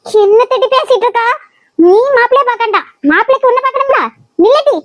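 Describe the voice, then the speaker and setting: A woman's voice: very high-pitched, quick pace, dry recording, voice pushed up. A woman voicing a fussy middle-aged mother in a cartoon, nagging and melodramatic, with a Kanyakumari Tamil accent. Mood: scolding. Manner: scolding, melodramatic. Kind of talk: cartoon voice acting.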